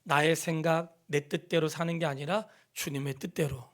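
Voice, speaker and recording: A middle-aged man preaches from the pulpit, his somewhat high voice rising to loud emphatic peaks and dropping to near-whispers. He quizzes the congregation and has them repeat lines after him, in the measured style of a church sermon. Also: steady tone. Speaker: pastor. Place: church sanctuary.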